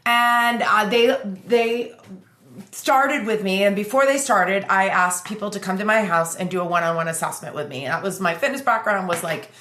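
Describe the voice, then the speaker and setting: A woman's voice: medium pitch, normal speed, pushed and bright. A woman hosts a casual podcast chat, talking in an upbeat, chatty way that wanders and restarts mid-thought. Her voice sits in the middle of the range. The room gives it a noticeable echo. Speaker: podcast host. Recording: roomy echo.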